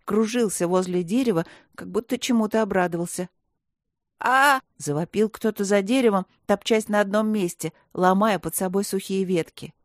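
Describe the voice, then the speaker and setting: A woman narrating a fantasy audiobook in a measured, expressive way. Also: lowish voice, no echo, clean studio sound. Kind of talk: scripted fantasy story narration.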